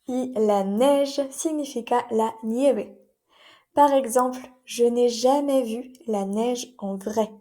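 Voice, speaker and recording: A woman's voice: on the high side, dark tone. A woman teaching vocabulary in a lesson, carefully modeling pronunciation and translating examples. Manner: slow, careful pronunciation drills. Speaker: French teacher. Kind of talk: language lesson.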